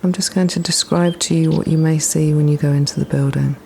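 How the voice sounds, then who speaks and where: A woman leading a guided meditation in a soft, breathy, often near-whispered voice, soothing and gently instructing with unhurried pauses. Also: low voice, steady tone, a little hiss or hum. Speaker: guided relaxation practitioner.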